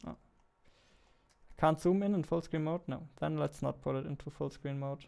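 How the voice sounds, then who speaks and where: A slightly high, smooth male voice with vocal fry and a little mellowness, at a normal speed. He's a game developer in his twenties chatting casually on a livestream while working at an indoor computer desk, muttering and repeating phrases, with typing and mouse clicks in the background.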